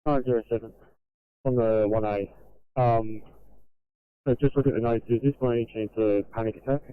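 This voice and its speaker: A man's voice: mid-range voice, fairly even intonation, normal speed, clean tone, no echo. A man working as an emergency radio operator, heard over a two-way radio and speaking in clipped radio procedure. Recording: tinny two-way radio line.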